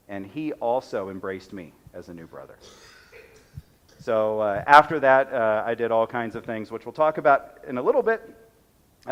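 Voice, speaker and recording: A man shares his own story with a church class, and he acts out each voice he quotes. His voice sits in the middle range. It rings in the long reverb of a church hall. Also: mid-range voice. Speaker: pastor. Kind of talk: testimony talk to a church class.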